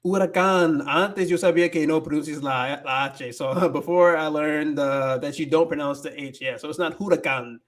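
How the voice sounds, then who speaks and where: With fairly even intonation, a slightly high-voiced American man talks slowly on his Spanish-teaching livestream. He reads viewer comments in a relaxed chat, mixing Spanish and English and fumbling for the right words.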